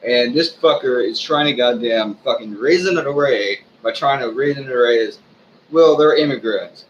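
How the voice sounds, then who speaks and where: A drunk man giving a rambling, off-the-cuff rant to his viewers, swearing often, halting and losing his thread. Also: mid-range voice, a bit bright, dull audio, a little hiss or hum. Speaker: online ranter, video host.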